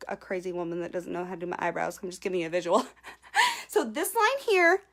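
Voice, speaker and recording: A woman's voice: lowish voice, big pitch swings, quick pace, fairly bright tone. A young woman giving a casual live-stream eyebrow tutorial, chatty and a little nervous, tagging nearly every sentence with "okay?" and greeting viewers by name. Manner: giggly and self-conscious. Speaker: beauty vlogger.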